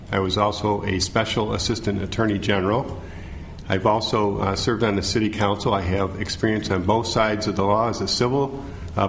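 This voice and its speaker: A middle-aged American man giving formal answers as a forum candidate, halting and stumbling over words. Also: fairly low pitch. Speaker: judicial candidate, city attorney. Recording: faint background noise.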